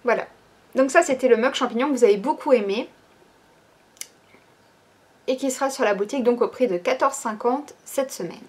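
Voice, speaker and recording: Presenting new arrivals from her online store, a woman chats away in a relaxed manner, peppering her speech with "ben," "euh," and other hesitations. She has a slightly high voice at normal speed, pauses often, and there's a faint hiss or hum.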